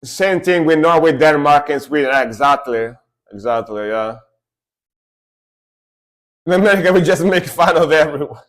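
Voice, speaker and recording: A man's voice: fairly high pitch, animated, normal speed, pauses often. A man from Italy, streaming and giving enthusiastic, rambling commentary while reacting to metal music.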